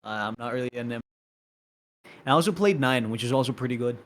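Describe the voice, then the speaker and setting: A man's voice: medium pitch, fast. A man chatting casually over a voice call whose audio keeps cutting in and out, clipping his word endings, hesitant and casually swearing. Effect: choppy audio cutting in and out with clipped word endings. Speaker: guest. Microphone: computer mic on a voice-chat call.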